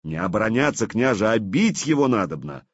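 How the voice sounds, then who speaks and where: A man voicing a gruff veteran war captain. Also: on the low side, very animated, fairly quick, no echo, lo-fi sound. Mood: fierce. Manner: gruff, warlike.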